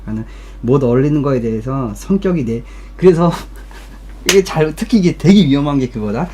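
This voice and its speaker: A man's voice: medium pitch, expressive, a little fast, darkish tone, a little hiss or hum. A young man telling a story casually from his streaming room, blunt and swearing, acting out coworkers in raised voices. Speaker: streamer giving life advice.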